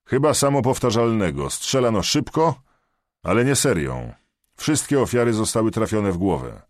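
A disciplined Marine sergeant gives short, formal reports, composed yet loud and out of breath, as a male audiobook narrator puts him on. His husky voice is raised above the narrator's low register, and the sound is dry and close. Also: expressive, normal speed, dry recording. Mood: reporting.

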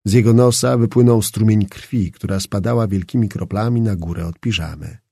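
A man narrating a novel as an audiobook in an expressive, dramatic storytelling style. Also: on the low side, moderate pace, husky, no room sound. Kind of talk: scripted narration.

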